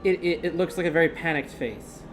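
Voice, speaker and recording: A man narrating a tabletop game as game master, halting and pausing between short phrases. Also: on the high side. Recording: clear background room noise.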